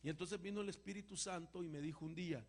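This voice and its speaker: A man preaching and answering a question with a personal testimony, an emotional storyteller whose voice swings from loud to hushed. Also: high-pitched, quick pace. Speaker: apostle answering congregation questions.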